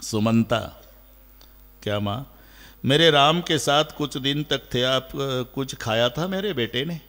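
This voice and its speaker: A man voicing a grieving queen mother who anxiously asks whether her son has eaten, in a soft, pleading tone, in an echoey hall with faint music. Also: mid-range voice, takes it slowly.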